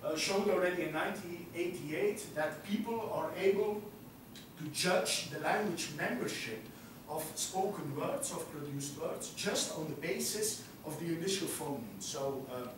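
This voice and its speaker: A middle-aged university lecturer, a native Dutch speaker with a Belgian Dutch accent, gives an academic lecture in a large hall, walking about while he explains. His voice is fairly high-pitched and he fills pauses with frequent "uh"s. A room mic far away picks him up, so the recording is echoey, distant and has background noise.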